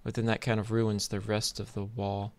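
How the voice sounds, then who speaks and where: Speaking in a lowish monotone at normal speed, a man hosting a gaming video series gives casual, thinking-aloud commentary on his gameplay. Keyboard typing and clicks are clearly heard behind him.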